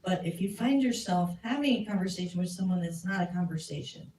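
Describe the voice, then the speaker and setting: In an animated, fairly quick, lowish voice with a darkish tone, the American civics educator chats candidly and jokes at her own expense while answering the audience. The community meeting room is echoey, and the distant recording carries faint noise.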